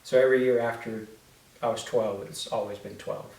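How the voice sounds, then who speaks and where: A man's voice: medium pitch, steady tone, a loud crowd. Hesitant young man in an echoey room. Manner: halting, hesitant, with restarts. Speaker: vlog co-host. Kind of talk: casual chat. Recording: echoey room, mic at a distance.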